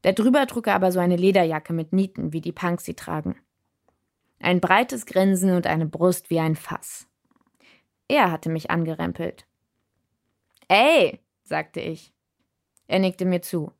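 Female narrator, calm reflective first-person storytelling. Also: fairly low pitch, unhurried, creaky.

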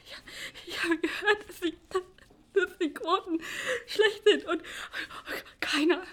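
A woman's voice: very high voice, slow pace, fairly bright tone, full character voice. Charlotte, a woman playing a sobbing guilt-ridden young woman. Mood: tearful. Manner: stammering, breathless sobs. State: crying. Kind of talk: audio drama acting.

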